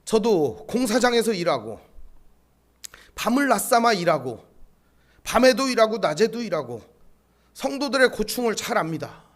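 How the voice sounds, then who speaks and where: A male pastor preaching a sermon, telling stories with animated delivery and firing rhetorical questions at the congregation. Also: high-pitched. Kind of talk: sermon with storytelling.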